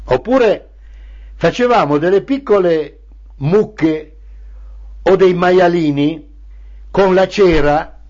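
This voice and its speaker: An older man from Italy telling his childhood memories in a deliberate, unhurried and wry way, on a dull lo-fi recording. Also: high voice, a little mellow. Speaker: storyteller recalling his childhood. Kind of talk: slow spoken memoir narration.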